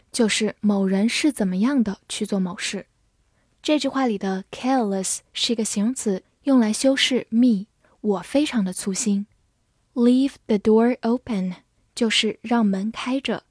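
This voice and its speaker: Slow, husky woman teaching vocabulary. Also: mid-range voice, a little mellow, dry recording, clean studio sound. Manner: spells words letter by letter and reads example sentences slowly. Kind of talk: scripted vocabulary lesson.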